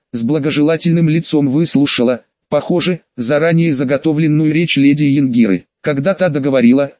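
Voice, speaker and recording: A man narrates an audiobook in a steady, measured way, his voice sitting a little high for a man. The recording is dry and close, with a slightly dull top end. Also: dry recording. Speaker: audiobook reader.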